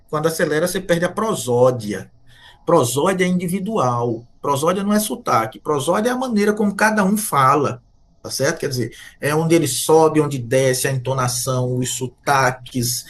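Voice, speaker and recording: Lively, lecturing Brazilian professor, man. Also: a little high, a little hiss or hum. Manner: reflective, lecturing, asks rhetorical questions and tags with "tá certo?". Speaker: history professor, interviewee. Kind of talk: academic interview talk.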